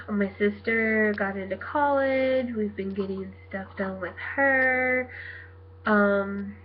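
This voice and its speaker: A woman in her twenties telling her viewers a personal story in a casual, animated way, acting out what people said. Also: mid-range voice, phone-quality sound. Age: 20s. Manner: chatty, animated retelling with quoted dialogue. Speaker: vlogger.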